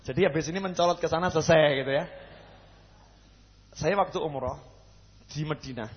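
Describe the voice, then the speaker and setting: A Javanese-accented man delivers a sermon in a mosque hall, keeping it lively by joking and repeatedly putting questions to the crowd. He speaks at a normal pace in a slightly high, husky voice, with a long reverb tail and the high frequencies cut off.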